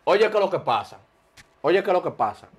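Dominican guy bragging and rambling, kinda high voice, mixes in bad english. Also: big pitch swings, fairly quick, husky. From Dominican Republic. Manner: boastful, rambling, playful. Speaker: interview guest. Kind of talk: joking street interview.

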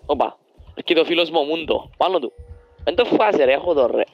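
A young man with a Cypriot Greek accent, trash-talking excitably while gaming with friends. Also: fairly high pitch, highs cut off. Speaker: gamer. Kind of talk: casual gaming chat.

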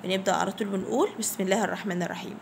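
A woman's voice: medium pitch, steady tone, rapid-fire, creaky, a little hiss or hum. A woman with an Egyptian Arabic accent teaching English vocabulary to young pupils, repeating each word and spelling it out letter by letter in a fond tone. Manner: affectionate, addresses pupils as "my dears". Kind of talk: classroom vocabulary lesson.

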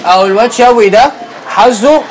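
A high-voiced street youth. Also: male voice, brisk, a little hiss or hum. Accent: Egyptian Arabic. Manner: casual slangy banter.

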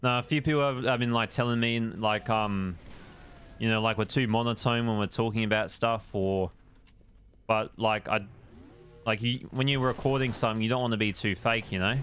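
A man's voice: fairly low pitch, fairly even intonation, normal speed, a bit bright, smooth. A young adult man, chatting casually on a gaming live stream, rambling laid-back and swearing at the game.

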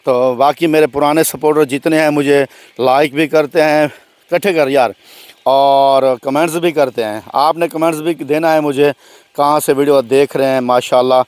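A middle-aged Pakistani goat farmer outdoors on his farm, giving a friendly sales pitch and showing his goats to the phone camera. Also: fairly even intonation, moderate pace, no echo. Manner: friendly salesman patter, keeps saying "my brother". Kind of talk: casual sales vlog. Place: outdoors on a farm by open fields. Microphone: handheld phone camera.

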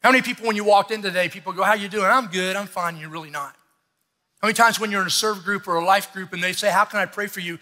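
High-pitched, emphatic male preacher in a hall. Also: quick pace, pushed and bright. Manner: emphatic, exhorting, repeats phrases for effect. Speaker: pastor preaching. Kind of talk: sermon. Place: large church stage, indoors.

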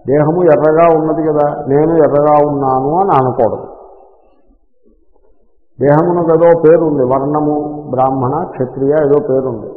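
A man, a swami, giving a scripture discourse. He asks questions and answers them himself, slows down for Sanskrit phrases, and lets his voice fall soft at the ends of phrases. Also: fairly high pitch. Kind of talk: Vedanta discourse. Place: ashram hall. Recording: echoey hall, tinny lo-fi sound.

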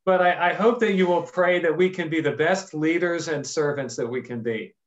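A middle-aged priest appearing as an interview guest explains things plainly for children over a video call, whose audio is slightly dull. His voice sits on the high side and moves at a normal speed.

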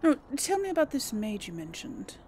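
A female gaming channel host offers casual, informal role-play commentary on a video game, musing aloud. Her voice is a little high and darkish in tone, with big pitch swings and a moderate pace. There is slight background noise.

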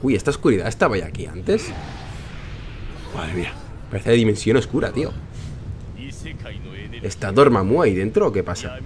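A man's voice: lowish voice, very animated, moderate pace, pauses often, slight background noise. Sarcastic Spanish man playing a game. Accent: Spain Spanish. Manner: joking, sarcastic, swears freely. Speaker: let's play host. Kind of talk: casual gameplay commentary.

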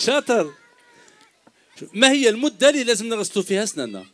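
A man's voice: sits high, sing-song, a little fast, a bit bright. A middle-aged man with an Algerian Arabic accent, hosting a children's show on an outdoor stage, teasing kids with quiz questions into a handheld microphone. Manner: teasing, jokey, calls kids "my dears". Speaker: children's entertainer host. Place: outdoor stage before a large crowd of children.

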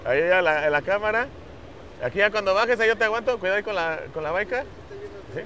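A Mexican man co-hosting outdoors at a beach, teasing his friend in excitable, slang-heavy casual chat. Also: high voice, quick pace, a little hiss or hum. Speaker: co-host.

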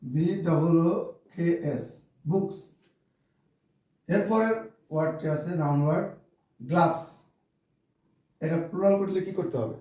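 A man's voice: on the high side, expressive, unhurried, pauses often, dark tone. A man with a Bengali accent teaching an English grammar lesson, often calling out "dear viewers" and spelling words letter by letter. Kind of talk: classroom lesson to camera. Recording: very echoey room, voice from far off.

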